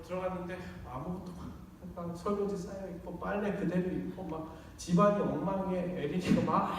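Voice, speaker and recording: High-voiced pastor in an echoey hall. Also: male voice, a little hiss or hum. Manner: conversational, acts out quoted lines. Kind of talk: sermon. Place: church sanctuary. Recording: echoey church hall from far off.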